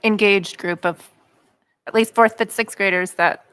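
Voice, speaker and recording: A woman's voice: medium pitch, fairly even intonation, measured pace, fairly bright tone, clear, resonant tone. A woman on a school committee, talking in a chatty, appreciative way with many fillers at a meeting. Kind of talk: meeting discussion. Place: meeting room.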